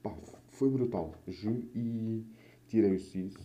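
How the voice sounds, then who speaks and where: A young adult man with a European Portuguese accent hosts a podcast or vlog on his own, his voice on the low side, dark, and measured in pace. He rambles casually through anecdotes full of slang and swearing, his mouth a little swollen after having his wisdom teeth removed.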